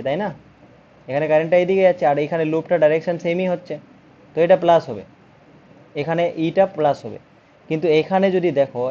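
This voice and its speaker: A man with a Bengali accent teaches physics, going slowly and patiently through each step. His voice sits a bit high but sounds mellow. The recording is dull and lo-fi with a faint hiss behind it. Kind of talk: online physics lesson.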